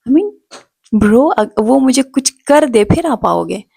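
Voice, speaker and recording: A woman's voice: fairly high pitch, sing-song, slow pace, creaky, mellow, slightly rough, dry recording. A young woman from Pakistan telling her story in a chatty vlog, switching between Hindi-Urdu and English. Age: young adult. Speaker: vlogger.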